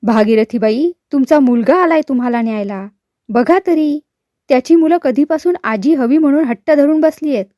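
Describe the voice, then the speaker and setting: A woman's voice: high-pitched, moderate pace, warm tone, dry recording, studio quality, lightly acted. A woman doing a stern male superintendent. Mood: coaxing. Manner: stern, reproaching.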